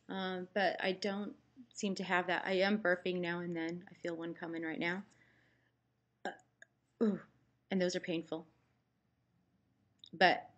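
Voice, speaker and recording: A woman talking casually and candidly in a personal vlog, giving a health update in a chatty, matter-of-fact way. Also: fairly low pitch. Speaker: vlogger giving a post-surgery update.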